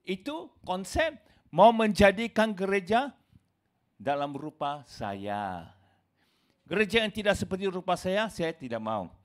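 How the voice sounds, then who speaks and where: A man preaching a sermon in an emphatic way, calling his listeners brothers and sisters, swinging from loud exclamations to low asides. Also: very animated, measured pace. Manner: addresses listeners as "saudaraku".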